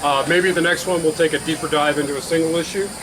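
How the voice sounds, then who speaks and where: Middle-aged man, slightly high voice, casual halting talk, clear background noise. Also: fairly even intonation. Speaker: guest eating hot wings in a challenge. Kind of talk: casual chat. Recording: noisy outdoor setting with hiss.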